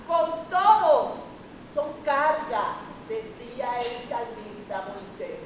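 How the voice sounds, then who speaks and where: High-voiced woman teaching a Bible class. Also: big pitch swings. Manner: earnest, addresses the class as "amado", quotes verses slowly. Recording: echoey room from far off, noisy.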